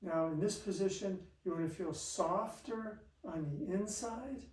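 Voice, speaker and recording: A tai chi instructor giving a movement lesson in calm, measured cues and short phrases. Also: medium pitch. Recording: roomy echo, distant mic.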